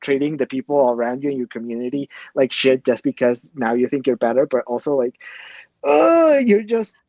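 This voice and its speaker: A man's voice: medium pitch, warm tone, no echo. A man from Mexico, co-hosting a podcast and ranting in exasperation. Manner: exasperated, quick rant with laughs. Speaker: podcast co-host. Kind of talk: casual podcast discussion. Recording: dull dry mic.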